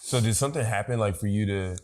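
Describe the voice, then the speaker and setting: A man hosting a casual interview podcast, relaxed and encouraging as he asks his guest questions. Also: fairly low pitch. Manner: relaxed, encouraging, slow intro. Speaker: podcast host.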